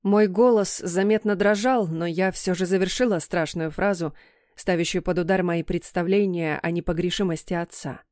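A woman narrating a first-person story in a steady, measured reading voice. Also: on the low side, no room sound, clean studio sound. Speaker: audiobook reader.

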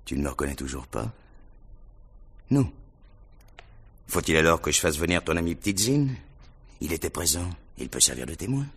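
An actor playing a rich, reckless young merchant's son who swings from low mutters to roaring shouts, in a 1960s radio drama. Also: male voice, lively intonation, moderate pace, long pauses, breathy edge, heavily acted. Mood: taunting.

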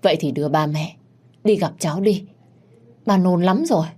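A woman's voice: lowish voice, moderate pace, darkish tone, breathy edge. A woman reading a story aloud, voicing an elderly grandfather, reserved but eager and urgent to meet his grandson.

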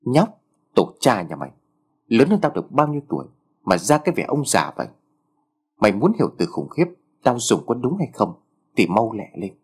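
A man's voice: lowish voice, big pitch swings, normal speed, pauses often, breathy edge. Siêu, a man doing an eager impatient boy. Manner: urgent, impatient pleading. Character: excitable eager teenage boy, pushy.

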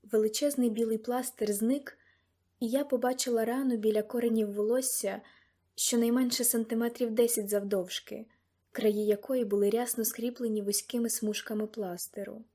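A woman narrating a first-person audiobook in an even, measured way. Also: on the high side.

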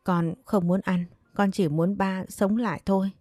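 A woman's voice: mid-range voice, fairly even intonation, unhurried, mellow, dry recording, clean studio sound, faint music behind, close to an everyday voice. A woman voicing a grief-stricken young woman who cries out and pleads after losing her father. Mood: grieving.

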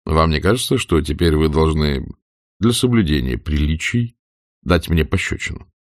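A man reading an audiobook and voicing a cynical, self-assured man who teases in a slow, ironic drawl. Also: rumbling low, animated, no room sound, clean studio sound. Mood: mocking. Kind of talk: audiobook character voice.

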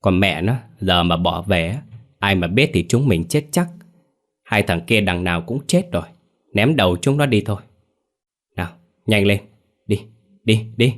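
A man's voice: on the low side, expressive, normal speed, pauses often, lightly acted. A man voicing Xuân, a cursing gang boss. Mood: bossy. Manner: swearing, snapping orders. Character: foul-mouthed male gang boss, hot-tempered and bullying.

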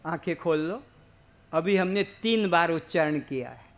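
A man's voice: fairly high pitch, lively intonation. A man delivering a spiritual discourse to a seated audience, explaining through rhetorical questions and simple everyday examples. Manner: leads slow drawn-out chanting. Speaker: spiritual teacher.

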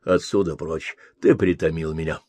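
A man's voice: a bass voice, fairly even intonation, moderate pace, darkish tone, dry recording, pitched below the performer's own voice. A male reader voicing a weary young warrior prince, curt and commanding. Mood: troubled.

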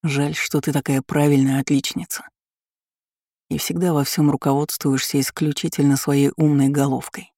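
A man voicing a cocky young male student who speaks huskily and in a soft, insinuating way. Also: on the high side, flat delivery, moderate pace, no echo, clean studio sound. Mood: teasing. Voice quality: husky.

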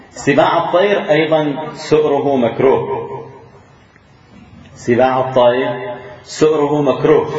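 A man lectures on Islamic law, going through each ruling step by step and repeating the key points. His voice sits at an ordinary pitch. The sound is dull and a little muffled, with a roomy echo around it. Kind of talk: lecture on a fiqh text. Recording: echoey dull room recording.

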